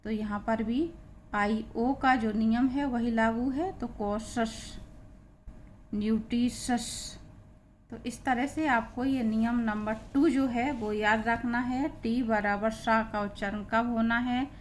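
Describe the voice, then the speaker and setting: A woman's voice: on the high side, fairly even intonation, measured pace, a little hiss or hum. A woman with an Indian accent teaching English pronunciation, spelling words letter by letter and repeating each sound. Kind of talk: classroom pronunciation lesson.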